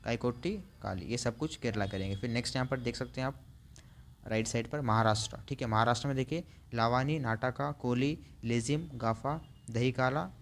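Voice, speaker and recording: A man's voice: mid-range voice, a little hiss or hum. Man reading lists in an online class. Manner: reads out lists, adds frequent "theek hai" fillers; slows down to spell out hard names. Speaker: teacher.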